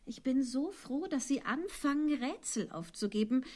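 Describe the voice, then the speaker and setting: Brief: polite curious little girl, high and lively, slow and earnest, read by a man. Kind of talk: storybook reading.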